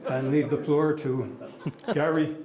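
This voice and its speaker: An older man from Quebec City introducing a guest speaker to an audience with a relaxed, humorous anecdote. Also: a little high, unhurried, crowd noise. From Quebec City, Canada. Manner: folksy anecdotal storyteller with easy humor. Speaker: event host introducing a speaker. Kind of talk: informal introduction at a heritage talk. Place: meeting hall with an audience. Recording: echoey hall.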